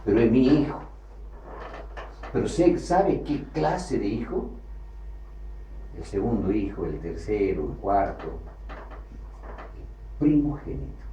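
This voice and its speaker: A man's voice: lowish voice, very animated, slow pace, pauses often, dark tone. A man teaching a sermon on the Bible, building his points through repeated phrases and rising emphasis. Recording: distant, roomy, dull lo-fi with faint hiss.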